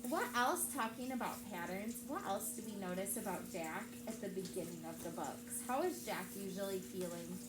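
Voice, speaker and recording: A woman teacher with a medium-pitched voice reads a chapter book aloud to her class at a normal speed, barely pausing. She keeps things engaging by often stopping to question the children. The recording sounds roomy and has background noise.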